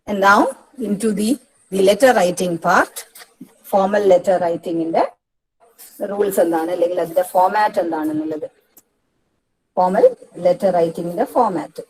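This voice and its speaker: This exam-prep lecture, switching between Malayalam and English, comes from a woman English tutor in Kerala, India, who has a Malayali accent. She explains pronunciation one step at a time and says key words again, with a fairly low, slightly mellow voice captured in a rough recording.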